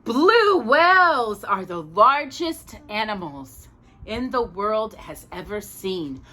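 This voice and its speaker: Reading a children's picture book aloud, a woman uses a bright, forward voice pitched in the middle of the female range. She goes slowly and expressively, as though sharing every page with a young listener, and slips in small asides to the child.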